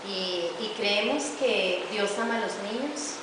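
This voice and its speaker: A woman giving a church testimony in short phrases, pausing for an interpreter, in a large church hall. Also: mid-range voice. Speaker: guest speaker. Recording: echoey hall from far off, hiss.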